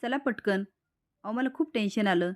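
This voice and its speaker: A woman's voice: mid-range voice, moderate pace, darkish tone, lightly acted. A woman voicing a flustered, evasive young schemer in a serial recap. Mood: pleading.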